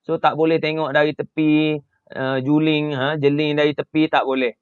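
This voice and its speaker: A Malaysian man teaches science over his slides, walking through each point and tossing questions to his students between frequent "ha" and "okay" fillers. His voice is smooth and clear. The recording is dry and squeezed into a narrow, phone-like band. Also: on the high side, little pitch movement, moderate pace, no echo. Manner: explains step by step, many "ha" and "okay" fillers, asks the class questions. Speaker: secondary school science teacher. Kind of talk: narrated slide lesson.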